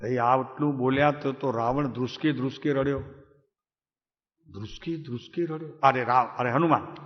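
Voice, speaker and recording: A man's voice: medium pitch, normal speed. A man with a Gujarati accent telling a devotional story to a gathering, repeating phrases for emphasis and asking listeners questions. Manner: repetitive, emphatic storytelling, asks audience questions. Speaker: spiritual discourse speaker. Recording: reverberant hall, dull lo-fi sound.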